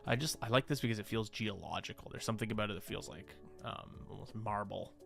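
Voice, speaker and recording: This streamer and visual artist talks fast in a lowish, gravelly voice, with music playing underneath. He thinks out loud in halting bits while casually commenting on the work he's doing on screen.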